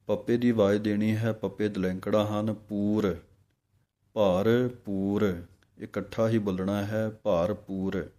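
A man teaching scripture pronunciation in a santhya lesson. He recites each line slowly and then explains how each letter and vowel sign should sound. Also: on the low side, mellow.

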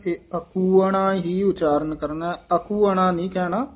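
A man's voice: sits high, fairly even intonation. Patient man teaching scripture recitation. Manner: patient and instructive, repeating words slowly and deliberately. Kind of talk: recitation lesson with corrections.

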